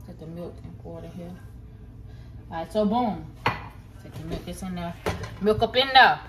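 A woman's voice: fairly low pitch, moderate pace. Bossy young woman vlogging in an echoey kitchen. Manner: bossy, teasing, slangy. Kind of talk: casual cooking vlog. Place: home kitchen. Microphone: phone camera. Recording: echoey kitchen with clear noise.

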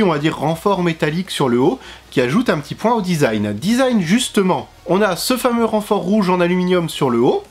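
A man's voice: a little high, slightly rough. A man giving a casual product review, chatting straight to his viewers with emphatic rises. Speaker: tech reviewer.

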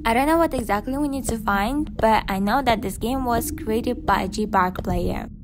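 A woman's voice: a little high, moderate pace, heavy background noise. A woman streamer commenting on a horror game in a scared, nervous manner. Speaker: gaming streamer. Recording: music behind the voice.

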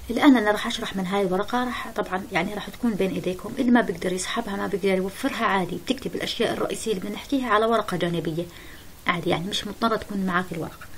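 Brisk woman teacher. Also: mid-range voice, rough recording. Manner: brisk, explanatory, mixes English terms into Arabic. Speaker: English teacher. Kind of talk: exam-prep lesson. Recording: faint hiss.

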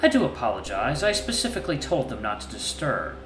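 A composed, formal hyena, played by a man, questioning a suspect with polite precision. The voice sits noticeably higher than the man's natural one, bright and lively in its rise and fall. It rings in an echoey room with faint music underneath. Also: brisk. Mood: calm. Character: calm, formal male hyena interrogator.

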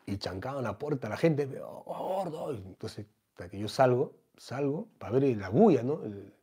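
A man comedian with a Peruvian accent, telling a comic anecdote in a slangy, animated way. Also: medium pitch, moderate pace, slightly rough. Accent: Peruvian Spanish. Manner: slangy, animated, acts out the voices.

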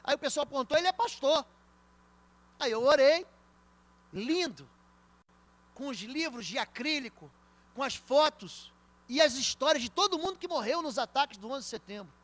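A Brazilian-accented male pastor with a strikingly high voice delivers a church sermon. He preaches emphatically, swinging from hushed asides to loud declarations. He tells stories and addresses the congregation directly. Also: expressive, moderate pace.

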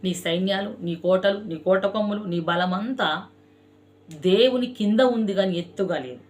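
Woman preaching with emphatic drawn-out chants. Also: mid-range voice. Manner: slow emphatic chanting of scripture phrases, swelling then dropping soft; repetitive exhorting address to the listener. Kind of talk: sermon.

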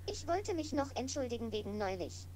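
A woman's voice: high-pitched, very animated, a little fast. A synthesized female game voice speaking for cheerful little game characters, with stiff computer-made phrasing. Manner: stiff, computer-generated speech with odd melody. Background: loud game music.

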